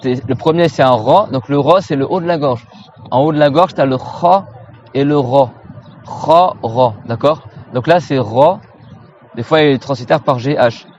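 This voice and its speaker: A man from France leads an informal recitation class, breaking words into slow, repeated syllables and asking "okay?" after each point. His voice sits at an ordinary middle pitch. The recording is muffled and lo-fi, with a faint hiss behind him. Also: darkish tone. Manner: repeats Arabic sounds slowly for students to echo; casual, familiar, checks in with "d'accord?". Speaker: Quran recitation teacher. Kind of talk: informal pronunciation lesson.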